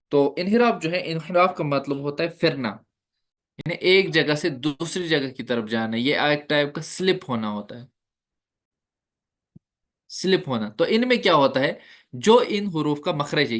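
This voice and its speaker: A man's voice: fairly high pitch, fairly bright tone. A man teaching a recitation class. He explains each point step by step, asks the class questions and demonstrates the sounds. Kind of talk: classroom lecture.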